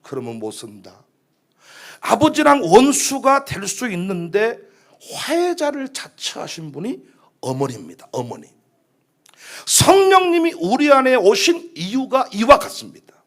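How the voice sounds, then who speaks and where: A male pastor giving a sermon in church, animated and full of humor. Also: very high voice, unhurried.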